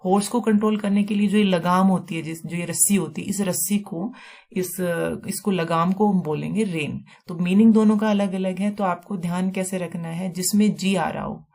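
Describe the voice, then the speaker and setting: A woman teaching vocabulary in a recorded lesson, explaining each word slowly, repeating it and spelling it out letter by letter, mixing English terms into her explanation. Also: on the low side, fairly even intonation, darkish tone.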